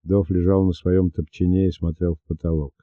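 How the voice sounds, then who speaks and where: A man reads a novel aloud in a measured, steady way. His voice is very low. The recording is muffled, with no room echo. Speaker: audiobook narrator. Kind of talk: scripted narration. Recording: dull dry lo-fi recording.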